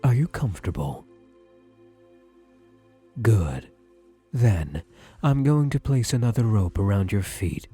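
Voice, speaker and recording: In this ASMR roleplay, a man takes the part of a gently domineering therapist, his low voice exaggerated as it rises and falls through slow, careful reassurances. The delivery is hushed, breathy and soothing, with an obsessive, doting tenderness and a calm, controlling mood, often sinking into breathy murmurs.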